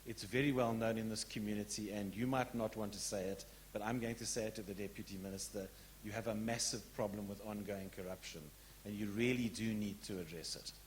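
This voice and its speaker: At a public lecture, a man from the audience makes an earnest, frank statement and asks a question, restarting haltingly at times. His voice is lowish and steady, and a little hiss or hum sits in the recording.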